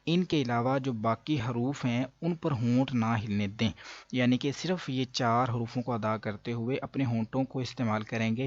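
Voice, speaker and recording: A man teaching a beginner Quran reading lesson, explaining slowly with pauses and drawing out each letter sound to demonstrate. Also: mid-range voice, no room sound, highs cut off. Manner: slow and explanatory, with frequent pauses and fillers. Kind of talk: patient spoken lesson.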